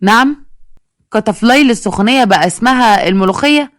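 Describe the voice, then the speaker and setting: A woman's voice: fairly high pitch, animated, fast, no echo, studio quality, close to an everyday voice. A woman voicing an exasperated young Egyptian pharmacist who answers customers sarcastically. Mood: exasperated, sarcastic.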